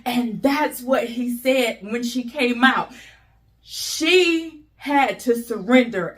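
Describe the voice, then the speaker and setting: A woman motivational speaker giving an earnest, emotional inspirational talk, with preacher-like repetition and slow emphatic exhortations. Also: fairly high pitch.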